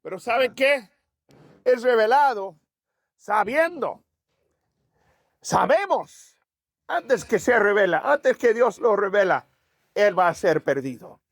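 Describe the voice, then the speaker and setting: A man's voice: high-pitched, lively intonation, slow pace, long pauses, no room sound, clean studio sound. A man preaching a sermon as pastor, often asking his congregation rhetorical questions.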